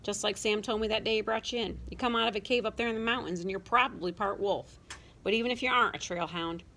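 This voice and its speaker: A woman's voice: mid-range voice, quick pace, sharp tone, a little hiss or hum. A woman voicing an earnest, kind young farm boy in a storybook, with folksy country talk. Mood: tender.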